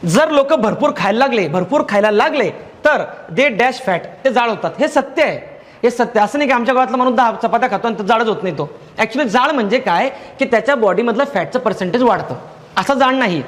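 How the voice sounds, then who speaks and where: High-pitched male teacher, patient and repetitive explainer, lecture delivery. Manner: explains patiently, repeats each point. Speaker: English grammar teacher. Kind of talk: classroom lecture.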